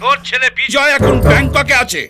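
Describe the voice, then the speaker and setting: A man's voice: very high-pitched, fairly quick, over loud music. An actor playing a hot-tempered, blustering father in a comic film scene. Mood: furious. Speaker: angry father on the phone.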